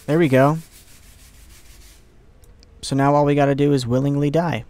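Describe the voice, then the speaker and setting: A young man giving casual let's play commentary on a horror game, excitable, muttering to himself and swearing. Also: a little high, moderate pace, dry recording.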